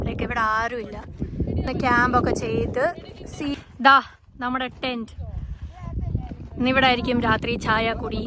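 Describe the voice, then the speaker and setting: A woman with a Malayali accent chatting casually for a camping vlog, mixing English words and phrases into Malayalam. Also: a little high. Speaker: vlogger. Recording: very noisy outdoor and vehicle noise.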